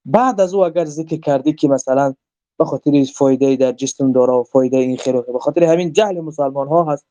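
A man's voice: mid-range voice, mellow. A man with a Tajik accent giving a religious lesson, reading from a book and explaining each quoted verse in earnest, emphatic tones. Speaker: religious teacher.

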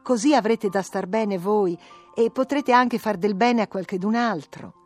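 A woman reading the part of a gentle young peasant woman, speaking softly and hesitantly in a tearful way. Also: mid-range voice, a little slow, soft background music, voice pushed up, natural voice. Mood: grateful.

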